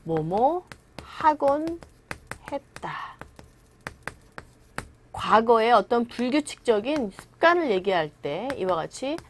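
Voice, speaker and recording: A young woman teaching English in a recorded lecture, explaining grammar and reading example sentences slowly and carefully. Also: a little high, sing-song, slight background noise.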